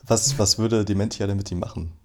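A man's voice: lowish voice, steady tone, a little fast, mellow. A man interviewing an author, asking short curious questions and giving brief replies.

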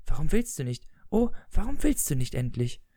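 Man reading scheming old wife in her eighties, scratchy voice, high pitch, affected politeness, dry recording. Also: big pitch swings, normal speed, dark tone, dry recording. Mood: pleading. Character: scheming elderly wife, eighty-five, frail.

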